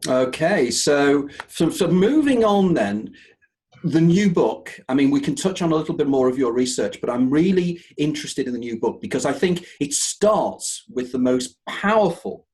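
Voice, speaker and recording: A man's voice: on the high side, lively intonation, moderate pace, a little mellow. A man hosting an interview show, enthusiastic and often repeating words as he searches for the next phrase. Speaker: host.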